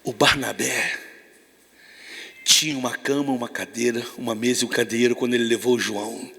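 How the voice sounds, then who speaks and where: A man with a Brazilian accent preaching an animated youth sermon, telling stories and acting out dialogue, moving between shouts and hushed tones. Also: mid-range voice, fairly quick, breathy edge, big-room sound. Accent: Brazilian Portuguese. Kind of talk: lively evangelical sermon.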